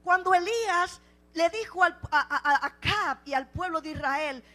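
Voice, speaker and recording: A woman preaching a sermon with passion, firing off repeated rhetorical questions and swinging between loud exclamations and hushed passages. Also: very high-pitched, normal speed.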